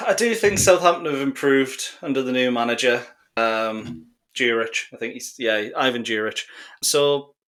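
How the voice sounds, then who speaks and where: A man's voice: mid-range voice, a bit bright. A man who is a guest on a casual football podcast, with an ordinary mid-range voice. He lays out confident analysis with a dry, sarcastic edge.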